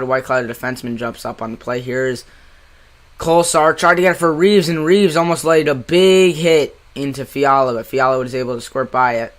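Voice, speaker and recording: A young man with a New Jersey accent doing casual live hockey play-by-play, surging with excitement on big plays and chatting to his viewers in between. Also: mid-range voice. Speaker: amateur play-by-play streamer.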